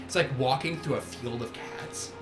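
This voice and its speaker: A man's voice: medium pitch, normal speed. A man improvising tabletop game narration as game master, in a conversational, piecemeal way. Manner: conversational, piecemeal descriptions full of "like". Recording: roomy echo with music behind.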